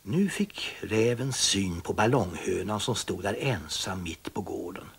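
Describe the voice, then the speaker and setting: Gravelly man reading a children's story. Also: low voice. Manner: expressive, dramatic storytelling.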